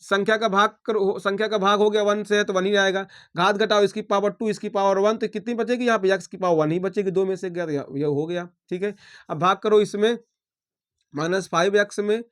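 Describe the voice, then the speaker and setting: A man's voice: high-pitched, steady tone, fairly quick, clean tone. A man teaching a maths lesson, talking through each step aloud and checking in with his students.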